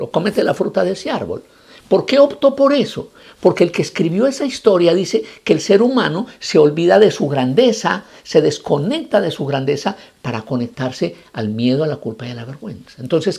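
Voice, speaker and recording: Husky, gravelly-voiced man preaching. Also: a little high. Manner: emphatic, repeats phrases for effect, asks rhetorical questions. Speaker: psychologist and motivational speaker. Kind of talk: motivational talk with storytelling.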